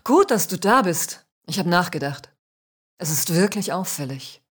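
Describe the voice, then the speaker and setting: A woman voicing the ghost of a man killed in a motorcycle crash, snappish at first and later quietly remorseful, in a spoken ghost story. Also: deep voice, moderate pace, husky. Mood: eager. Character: dead male biker ghost, gruff, then humbled.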